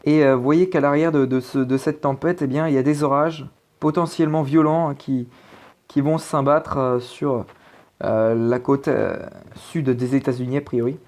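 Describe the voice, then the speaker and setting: A man delivers casual forecast commentary over weather maps, his medium-pitched, slightly mellow voice fairly even in intonation and moderate in pace. As an amateur presenter, he hesitates a lot, with frequent fillers and restarts.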